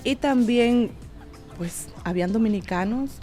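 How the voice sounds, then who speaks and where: A religious sister from the Oaxaca coast in southern Mexico chats as a guest in a casual, personal interview, a little hesitantly. Her voice is a little high and dark-toned, she speaks a little slowly, and faint music plays behind her.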